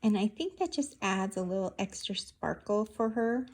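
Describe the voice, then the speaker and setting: A woman's voice: mid-range voice, expressive, a little mellow. A woman hosting a casual craft tutorial, talking through each step of her handiwork as she goes. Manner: unhurried, narrating each hand movement as she works.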